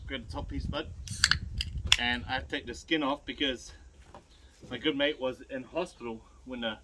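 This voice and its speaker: A man's voice: medium pitch, fairly even intonation, moderate pace, heavy background noise. A middle-aged man with a broad New Zealand accent, chatting casually and giving laid-back, colloquial instructions as he works. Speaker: host demonstrating butchery to viewers. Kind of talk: casual chat while working.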